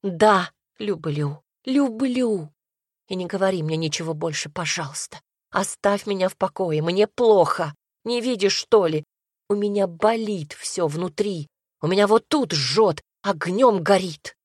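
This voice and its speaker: A woman's voice: medium pitch, lively intonation, a little slow, no echo. A woman voicing a distraught young woman who sobs and pleads, in a dry, close reading. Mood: tearful. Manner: sobbing, pleading, snapping.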